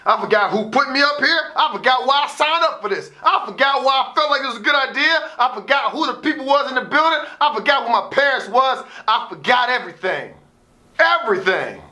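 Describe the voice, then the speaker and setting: In a very high, sharp-toned voice, an American man tells a personal story a little fast and with animation. He's a motivational storyteller and student athlete advisor, and he leans theatrical, with emphatic repetition and dialogue he acts out.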